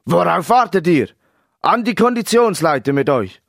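A man barking as a gruff football coach. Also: high-pitched, big pitch swings, moderate pace, no room sound, studio quality, voice pushed up, full character voice. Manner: barking, stern.

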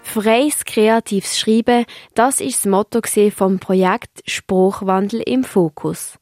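A woman's voice: mid-range voice, slow, darkish tone, dry recording, soft background music. A woman with a Swiss German accent presenting a radio program and introducing student stories. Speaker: radio host.

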